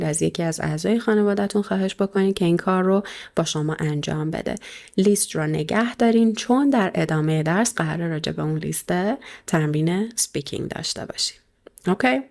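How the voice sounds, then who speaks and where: A woman teaching a recorded video lesson, her voice low and pitched with a gravelly edge. She explains things in Persian and slows right down to pronounce each English word clearly. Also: darkish tone.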